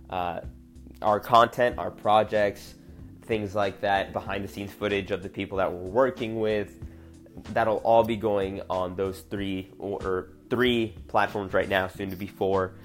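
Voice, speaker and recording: A young man with a low-pitched voice that sounds stuffed up and nasal, as if his nose is blocked. He hosts a podcast alone in an informal, earnest, chatty way. Music plays along with his voice. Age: young adult. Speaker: podcast host. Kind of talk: casual solo podcast chat.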